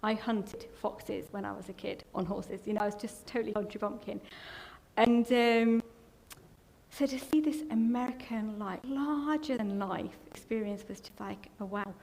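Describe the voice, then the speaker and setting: A woman's voice: medium pitch, steady tone, moderate pace, vocal fry, a little mellow. A middle-aged English woman giving a personal testimony in a church, telling a rambling, emotional story that at times chokes with tears. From England. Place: church hall. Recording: long hall reverb, faint background noise.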